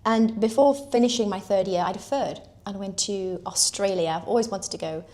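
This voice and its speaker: Young british woman, casual storyteller, middle pitch, chatty and animated. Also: normal speed. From United Kingdom. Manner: chatty, lots of "like", animated retelling. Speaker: equestrian telling her story. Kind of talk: personal storytelling.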